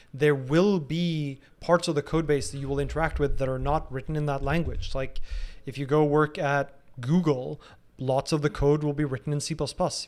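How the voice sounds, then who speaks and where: A man's voice: a little high, a little mellow. Man thinking aloud in a live Q&A. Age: 30s. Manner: thinking aloud with many fillers and restarts. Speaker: streamer answering viewer questions. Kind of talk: casual live Q&A.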